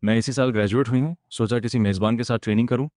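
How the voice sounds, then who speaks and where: A man's voice: medium pitch, fairly even intonation, fast talker, a little mellow, no echo, clean studio sound, close to an everyday voice. A man reading the lines of a cowardly female ghost system in a recap storybook, pleading and whimpering. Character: half-see-through female ghost system, whiny and cowardly.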